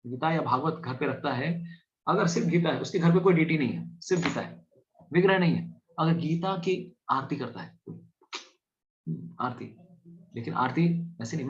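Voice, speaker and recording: A man preaching a sermon, telling stories and acting out the voices in them. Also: on the high side. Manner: animated storytelling, acts out voices. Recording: dull lo-fi recording.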